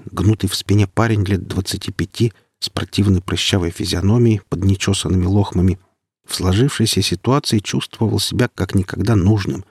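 A man reading an audiobook in a steady, measured way. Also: low voice, breathy edge, dry recording, studio quality. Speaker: audiobook narrator. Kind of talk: audiobook narration.

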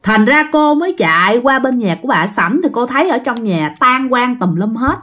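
A woman's voice: on the high side, sing-song, normal speed, a bit bright. A woman telling a ghost story in a chatty way, often addressing her listeners.

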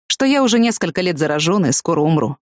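A woman reading the lines of a blunt, bitter young man of twenty in an audiobook, in a flat, matter-of-fact way. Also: fairly low pitch, fast, no echo, clean studio sound. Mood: grim.

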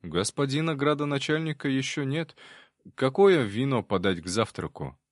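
Reading from a storybook, a man voices an older male butler who stays formal, composed and unflappable. His natural mid-range voice is pitched above his own, very animated and at a moderate pace, in a dry, studio-quality recording.

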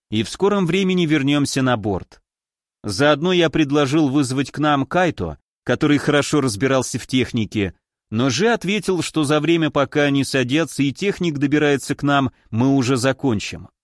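A man reading a first-person audiobook aloud, with lively, wry storytelling. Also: a little high, no echo, clean studio sound. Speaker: audiobook narrator. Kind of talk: scripted first-person narration.

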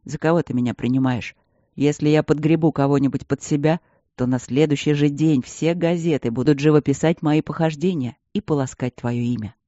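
Reader doing a cocky joking old baron, teasing and boastful, loud-ish, dull dry recording. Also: male voice, fairly high pitch, brisk, dry recording, natural voice. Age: older. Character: cocky jesting old baron who looks young.

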